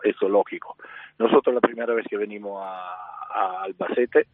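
Man, Italian accent, phone interview, halting speech, repeats words, dry tinny line. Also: lowish voice, fairly even intonation, no echo. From Spain, raised in Italy. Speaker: circus manager, phone guest.

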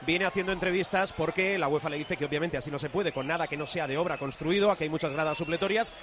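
A man's voice: on the high side, quick pace, background noise. A man with a Spanish accent from Spain giving live football radio reports as a match reporter.

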